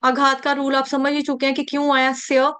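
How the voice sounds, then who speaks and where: An Indian woman teaching chant recitation, drilling words slowly and repeating each syllable, then explaining the rules briskly. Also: high voice, monotone, a bit bright. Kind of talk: slow syllable-by-syllable recitation lesson.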